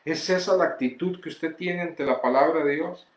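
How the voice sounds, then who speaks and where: A man preaching a sermon as pastor, reading scripture slowly and pressing his points with rising emphasis. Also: on the high side, echoey room. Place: church.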